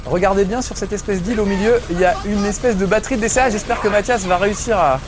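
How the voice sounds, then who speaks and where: A man's voice: sits high, fast, noisy background. Chatty, joking male game commentator. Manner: chatty, joking, swears casually. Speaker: host playing a video game. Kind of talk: gameplay commentary.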